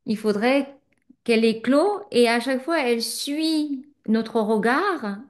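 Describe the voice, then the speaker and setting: In a satsang, a woman teacher of spirituality, French not being her first language, answers a student's question at a fairly high pitch. Her manner is reflective, with many pauses and fillers.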